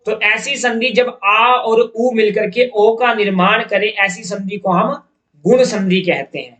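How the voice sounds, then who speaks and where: A man teaches an exam-prep lesson, working through each question step by step and repeating key terms. His voice sits high for a man. The room is echoey. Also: steady tone, unhurried, bright, forceful tone.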